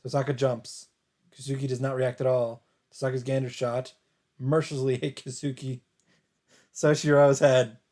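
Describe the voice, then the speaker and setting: A man reads a visual novel aloud as a let's player, using a measured, casual delivery. His voice is mid-range and darkish in tone, and he speaks flatly.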